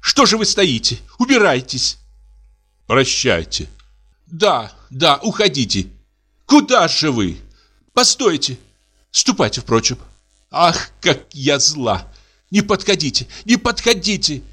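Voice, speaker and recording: A man's voice: fairly high pitch, very animated, slow, pauses often, pushed and bright, husky, exaggerated voice. A man voicing a hot-tempered young widow in indignant, wavering outbursts, as in an audiobook drama reading. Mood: flustered.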